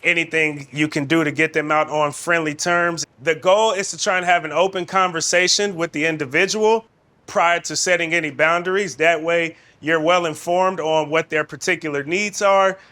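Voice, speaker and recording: A de-escalation trainer in an instructional film lays out guidance in a man's voice that sits a little high, with a very bright, forceful edge. His tone is steady and his pace moderate.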